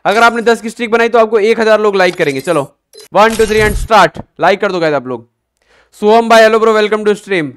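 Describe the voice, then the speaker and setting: High-voiced brash male game streamer. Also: normal speed, clear, resonant tone. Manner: loud, brash, swears at teammates while greeting viewers. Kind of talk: live game stream with team chat. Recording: gunfire noise behind.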